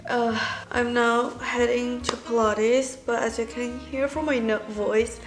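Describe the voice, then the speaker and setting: A young Chinese woman, whose first language is Chinese, chats casually about her day into a handheld phone camera for her vlog, her voice stuffy and nasal from a cold. She sounds fairly high-pitched, flat and unhurried, with a chatty, diary-like manner and light laughs. Background music plays beneath her voice.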